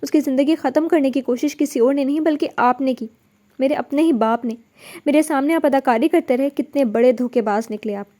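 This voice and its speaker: A woman's voice: sits high, warm tone, natural voice. A woman reading a story aloud, voicing a young wife crying out her pain and her accusations. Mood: distraught. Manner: distraught, accusing. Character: young wife, shattered by betrayal.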